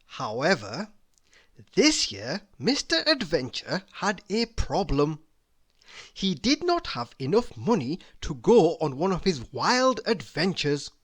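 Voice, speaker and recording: Very animated, a storyteller reads a children's book aloud at a slow, deliberate pace, pitch swinging broadly from phrase to phrase as key words are stretched out for emphasis.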